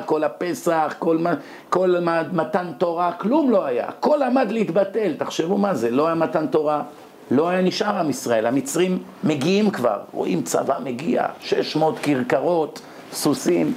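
A man's voice: sits high, darkish tone. A man giving a Torah lecture, telling stories animatedly and firing rhetorical questions.

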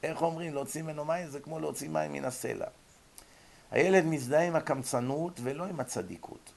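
A man's voice: a little high, vocal fry. A man lecturing on psychology to an audience, explaining with examples and rhetorical questions.

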